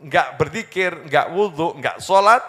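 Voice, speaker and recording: A preacher delivers a sermon, folksy and humorous, often teasing his listeners. His voice sits high and sounds bright. It rings out with a long hall reverb. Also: animated, unhurried.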